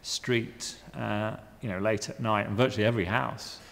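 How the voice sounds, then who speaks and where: A man in his fifties from Guyana answers interview questions about his art, halting and wry, full of ums and restarts. His voice is gravelly. The sound carries a long reverb from a large exhibition space. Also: fairly low pitch, fairly even intonation, a bit bright. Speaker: artist interviewee. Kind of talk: hesitant reflective interview answers. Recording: reverberant room.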